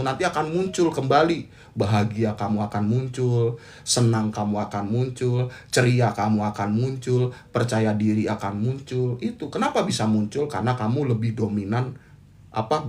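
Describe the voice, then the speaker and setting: A man's voice: medium pitch, a little mellow. A man hosting a motivational monologue about anxiety, blunt and teasing, using casual slang and hammering points home by repetition. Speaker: host giving talks on anxiety.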